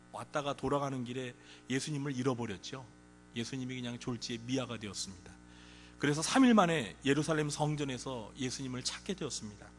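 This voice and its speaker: A man preaches with a widely swinging, animated delivery, slipping into quoted parents and children and chuckling at his own asides. His mid-range voice rings out through a large church hall with a long reverb tail. Faint instrumental music sits low behind him. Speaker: pastor. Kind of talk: sermon.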